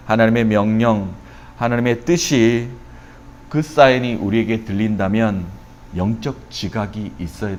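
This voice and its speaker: A middle-aged male pastor preaching a sermon, building to loud lamenting questions and then dropping low and soft. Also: slight background noise.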